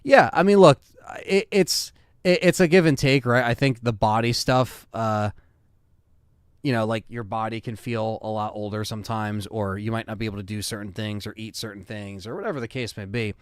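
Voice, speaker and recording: A man's voice: lowish voice, moderate pace, clean tone, no room sound, studio quality. A man in his thirties hosting a live stream, chatting casually and reading viewer comments with loose fillers. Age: 30s.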